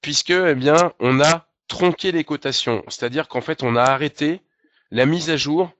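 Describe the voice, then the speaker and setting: A man presenting trading software in a webinar, talking casually with many fillers and tag questions. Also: fairly high pitch, normal speed, dry recording. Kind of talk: webinar screen-share demonstration. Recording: dull, dry lo-fi webinar audio.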